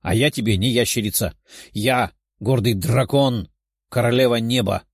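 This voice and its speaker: A man's voice: medium pitch, breathy edge, no room sound, studio quality. A man voicing a proud, hot-tempered young dragon woman in an audiobook. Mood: angry. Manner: quick-tempered, snapping.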